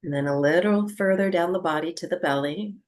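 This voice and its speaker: Speaking in a lowish register, a breathwork guide gently walks listeners through relaxation at an unhurried pace. She pauses at length between phrases.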